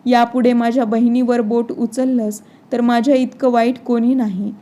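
A man's voice: extremely high pitch, flat delivery, normal speed, warm tone. A woman reading a stern, wounded old father. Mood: angry. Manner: scolding, indignant.

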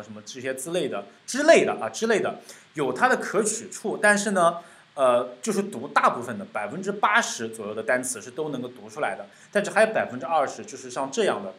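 A man teaching English vocabulary in a casual online lesson, explaining in Mandarin, sounding out English words slowly and playfully repeating words and phrases. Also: fairly high pitch, fairly bright tone.

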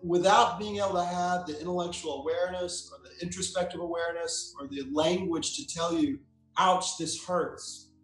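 Male therapist guest, slightly high voice, echoey room, chatty storytelling. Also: fairly quick, few pauses, faint music behind. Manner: relaxed anecdotal explaining, acts out quoted lines. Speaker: psychotherapist guest. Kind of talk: interview answer, storytelling. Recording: roomy echo.

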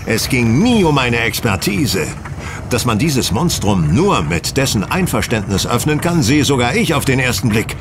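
A man playing Sherlock Holmes, sardonic and lively. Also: mid-range voice, normal speed, background noise, lightly acted. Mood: impatient, didactic. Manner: teasing, didactic, condescending. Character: brisk, superior male detective, sardonic and self-assured. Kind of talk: German audio drama acting.

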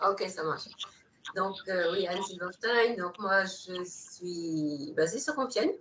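A woman introducing herself in a webinar in a measured way. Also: lowish voice. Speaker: webinar participant. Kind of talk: casual online meeting chat. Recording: roomy distant mic, faint background noise.

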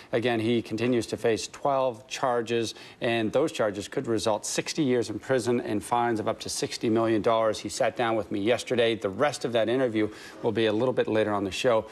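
A man's voice: mid-range voice, fairly even intonation, normal speed. Man anchoring morning business news.

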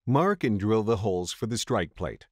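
Male narrator, lowish voice, dry booth sound, calm measured instructional read. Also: dry recording. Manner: steady, measured reading of steps. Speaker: tutorial narrator. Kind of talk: scripted instructional voice-over.

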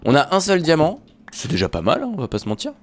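A man's voice: on the high side, wildly swooping pitch, quick pace, a little hiss or hum. A man giving casual, jokey commentary over Minecraft play, talking straight to his viewers. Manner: yelps when startled. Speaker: Minecraft YouTuber.

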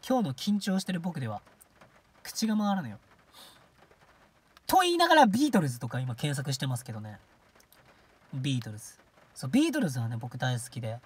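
A woman's voice: very deep voice, big pitch swings, fairly quick, pauses often, a little mellow, husky. A woman hosting a solo livestream radio show, chatting casually in a rambling, self-mocking way. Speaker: streaming radio host.

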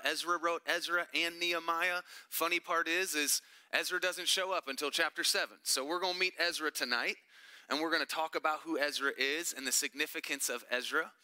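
A man teaching a relaxed church Bible study, with a very bright, ringing voice that sits a little high. He talks to the group in a chatty way and slips in joking asides. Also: clean tone. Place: church meeting room.

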